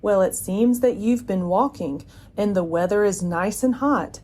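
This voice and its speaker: A woman's voice: mid-range voice, a little slow, mellow, lightly acted. A woman voicing a welcoming cafe hostess who talks in sing-song rhymes, in a hobby audio story. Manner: sing-song rhyming speech.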